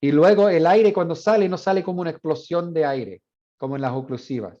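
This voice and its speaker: A man lecturing a university class, talking his students through the material step by step and checking with questions. His voice sits fairly high but has a mellow, dark color. The classroom recording is dull and lo-fi. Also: fairly quick. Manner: explains step by step, asks the class questions, models sounds. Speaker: university Spanish professor.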